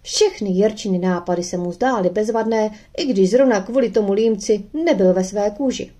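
A woman calmly narrating a children's adventure audiobook. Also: medium pitch. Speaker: audiobook reader. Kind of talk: storybook narration.

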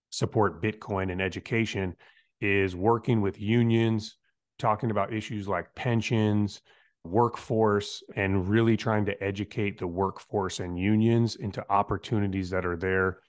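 A middle-aged man, a firefighter, telling stories as a podcast guest in a casual, animated way, acting out quoted dialogue with laid-back slang. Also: on the low side, measured pace. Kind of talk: casual interview storytelling.

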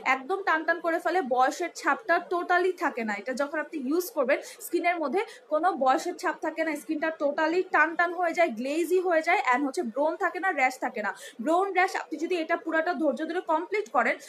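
A woman's voice: very high voice, brisk, hardly any pauses, fairly bright tone, a little hiss or hum. A young woman, chatty and rambling as she sells beauty products on a live stream, mixing in English words and many fillers. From Bangladesh. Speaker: online beauty shop seller. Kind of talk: live-stream product selling, reading viewer comments.

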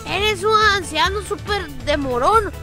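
A woman's voice: very high-pitched, expressive, measured pace, over music. A woman voicing a tired, grumpy very old granny who complains wearily in a Minecraft role-play. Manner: weary, complaining like a very old person.

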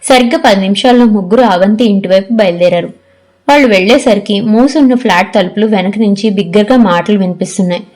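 Woman narrating an audio novel. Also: medium pitch. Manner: steady, measured storytelling. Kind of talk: scripted narration.

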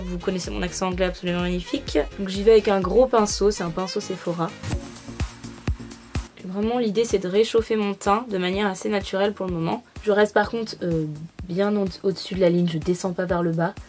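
A woman's voice: mid-range voice, steady tone, fairly quick, darkish tone, soft background music. A young adult woman talking casually through a makeup tutorial as a beauty vlogger, with frequent fillers. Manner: chatty, many fillers.

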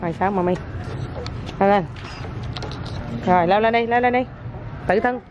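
A woman's voice: medium pitch, normal speed, highs cut off, background noise. Mother prompting her child outdoors. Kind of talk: casual family chat.

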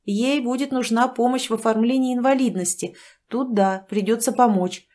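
A woman voicing a male hospital doctor who explains things in a calm, instructive, matter-of-fact way. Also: a little high, normal speed, pitched above the performer's own voice, lightly acted.

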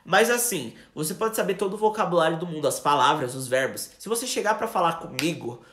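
A man with a Brazilian Portuguese accent teaching English in a casual live lesson, chatty, slowing down for example sentences. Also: a little high, lively intonation, a bit bright, roomy sound.

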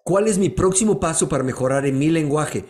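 A man's voice: a little high, a little fast, darkish tone. A man hosting a live motivational coaching stream, talking energetically and greeting viewers by name as he teaches.

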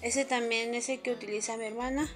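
A woman's voice: a little high, fairly even intonation, brisk, faint music behind. A woman, chatting to viewers in a casual cleaning vlog from her home kitchen. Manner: chatty, addresses viewers directly. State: sweaty from cleaning. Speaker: vlogger.

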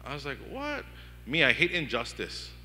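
A man from Hawaii with a Pidgin-tinged accent, preaching a sermon with lively storytelling and acted-out inner dialogue. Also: medium pitch, moderate pace, big-room sound, a little hiss or hum. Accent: Hawaiian Pidgin-tinged English. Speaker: pastor. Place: church hall.

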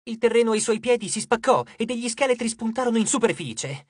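A man reads an audiobook chapter in a measured, steady way. His voice sits high for a man. The recording is dry and close, with no room sound. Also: breathy edge, dry recording. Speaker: audiobook narrator. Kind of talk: scripted audiobook narration.

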